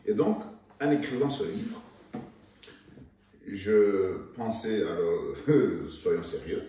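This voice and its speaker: An older male author from Rwanda, seated in an armchair indoors, speaks as a guest in a conversational interview. His deep voice is slow, expressive and dark-toned, and he hesitates and repeats words while searching for them. A distant camera mic captures him in an echoey room with faint noise.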